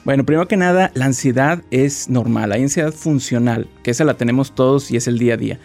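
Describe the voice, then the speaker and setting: A man appearing as a guest therapist, calmly explaining how to handle anxiety in an interview. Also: mid-range voice, quick pace, vocal fry, faint music behind. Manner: calm, explanatory.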